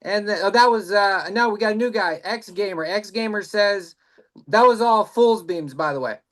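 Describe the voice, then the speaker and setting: A man's voice: high voice, normal speed, a bit bright. A man co-hosting a casual stream, joking around and reading viewer comments aloud with plenty of "uh"s. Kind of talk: casual livestream chat.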